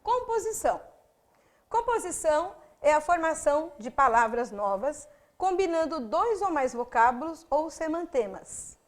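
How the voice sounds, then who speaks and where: A woman teacher with a Brazilian Portuguese accent gives a recorded grammar lecture, slowly stretching out example words to stress their syllables. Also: high voice, sing-song. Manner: thinks aloud with small slips and corrections.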